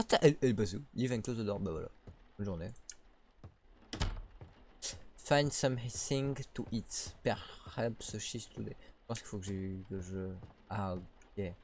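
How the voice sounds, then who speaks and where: A man doing casual let's play commentary on a horror game, excitable, swearing, laughing and yelling at the game. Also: fairly low pitch, takes it slowly, long pauses, a little hiss or hum. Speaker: gamer. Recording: keyboard clicks behind the voice.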